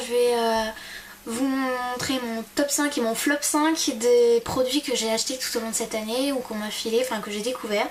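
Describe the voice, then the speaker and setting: A woman's voice: on the high side, slight background noise. A young woman vlogger chatting casually and informally to camera in speech, rambling and hesitating. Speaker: beauty vlogger.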